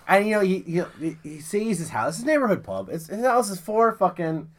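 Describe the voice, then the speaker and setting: A man's voice: sits high, a little fast. A man co-hosting a podcast, telling jokes and stories in casual banter, swearing a lot and acting out the voices. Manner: animated storyteller who swears a lot and acts out voices. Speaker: podcast co-host.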